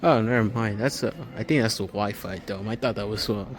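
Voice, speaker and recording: With a lowish voice and a fairly quick delivery, a man rambles through an improvised walkthrough of a large hardware store, eager as a hobbyist making a video. The amateur recording carries a slight hiss or hum, and store music plays in the background.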